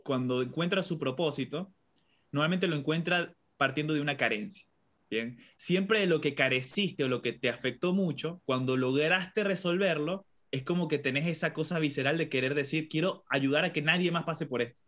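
He speaks at normal speed in a voice on the high side, a bit bright. As an interview guest, the young Venezuelan reflects on his life through anecdotes, playing out voices from childhood, in an accent combining Venezuelan, Colombian and Argentine Spanish.

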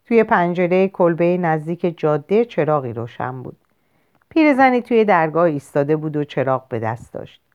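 A woman narrating a short story in a measured, expressive audiobook reading. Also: low voice. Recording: lo-fi muffled recording.

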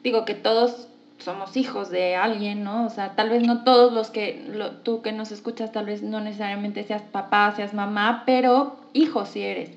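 A woman's voice: medium pitch, steady tone, normal speed, highs cut off, slight background noise. A woman podcast host, reflecting aloud and asking herself rhetorical questions. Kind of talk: podcast conversation.

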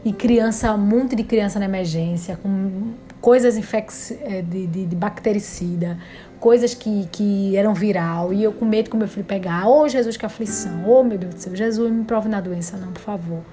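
Woman, devout mother vlogger, emotional and animated, faint music behind. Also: medium pitch, normal speed. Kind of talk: casual testimony vlog.

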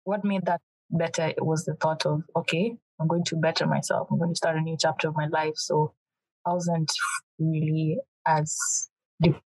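A young woman from Kenya talks as a guest in a casual interview, animated and prone to restarting her sentences. Her voice sits a little low, and the recording is dry and close with no room sound. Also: normal speed, breathy edge, no echo, low-quality recording. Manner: animated, restarts often, laughs easily.

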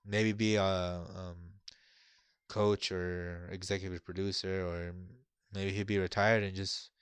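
A man in casual conversation, telling stories in a relaxed, rambling way with lots of fillers. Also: low-pitched, measured pace, clean tone, no echo. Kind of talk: casual chat.

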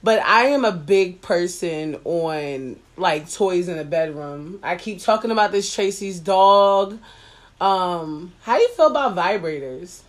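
Cooking in her home kitchen, a woman hosts a casual, explicit podcast, talking frankly and playfully and laughing often. Her voice is fairly low and animated, at a measured pace.

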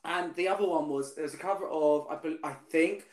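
The host of this podcast is a man with a slightly high voice who speaks fairly quickly. Recorded in an echoey room, he quizzes his guest in casual conversation, restarting often and using lots of fillers.

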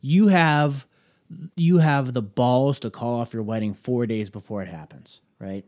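A man's voice: medium pitch, unhurried, a little mellow. A man co-hosting a podcast, teasing his friend in casual chat. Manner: teasing, lots of short backchannel replies. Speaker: podcast co-host.

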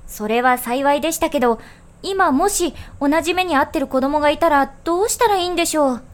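A woman's voice: sits high, fairly quick. A woman co-hosting a podcast who speaks politely and formally, chatting and reading a folktale aloud. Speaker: podcast co-host and story reader.

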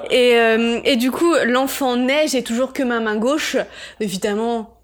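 A woman's voice: on the high side, steady tone, measured pace. A woman chatting casually and telling stories in crude slang, with a giggly manner. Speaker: midwife telling work anecdotes as podcast guest. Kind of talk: casual chat, storytelling.

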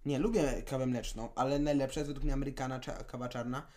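A man's voice: medium pitch, steady tone, quick pace, darkish tone. A teenage man co-hosting a casual podcast, chatty and jumping from topic to topic. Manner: chatty, jumps between topics. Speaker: podcast co-host. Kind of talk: casual chat.

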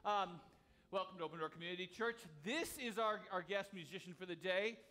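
A man as pastor welcoming the congregation and chatting with a guest, friendly and a bit halting. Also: high-pitched. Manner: friendly, halting, repeats words. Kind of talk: church welcome and interview. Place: church sanctuary. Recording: echoey hall with faint noise.

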